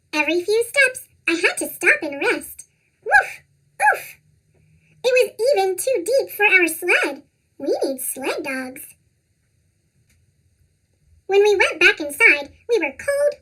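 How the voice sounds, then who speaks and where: Squeaky chipmunk effect, extremely high pitch, bright tone, lively swooping delivery, children's picture-book narration. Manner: animated, expressive read-aloud. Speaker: storybook narrator. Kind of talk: scripted storybook narration for children.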